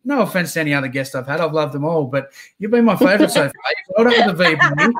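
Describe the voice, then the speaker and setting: An Australian man hosts a casual live-streamed interview chat, encouraging his guest and filling his speech with lots of "uh"s. He talks very fast in a slightly high voice over a loud crowd.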